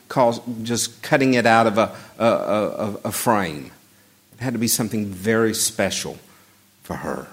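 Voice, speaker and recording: A pastor from Atlanta with a Southern accent giving a measured, reflective funeral sermon with gentle humor in a church. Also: male voice, mid-range voice. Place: church sanctuary.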